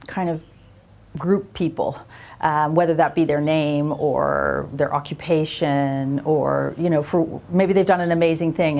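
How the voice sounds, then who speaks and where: A woman's voice: low voice, creaky, a little mellow. A woman talking casually in an interview as a photographer, explaining in loose, informal phrases.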